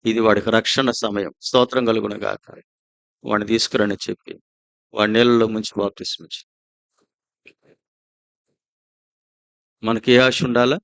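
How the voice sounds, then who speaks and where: A man's voice: lowish voice, fairly even intonation, fairly quick, creaky, a bit bright, dry recording. A pastor with a Telugu accent preaching to his congregation, asking them many rhetorical questions. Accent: Telugu, Andhra Pradesh. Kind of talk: sermon. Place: prayer house.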